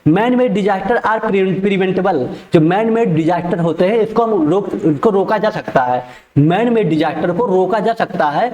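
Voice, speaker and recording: A male teacher giving an exam-prep lecture who explains each point twice and reads English definitions slowly. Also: high voice, a little mellow, reverberant.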